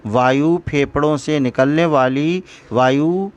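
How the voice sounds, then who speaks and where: A man's voice: a little high, slow pace. A man teaching a school grammar lesson, explaining terms patiently and drawing out example sounds. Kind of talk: slow classroom grammar lesson.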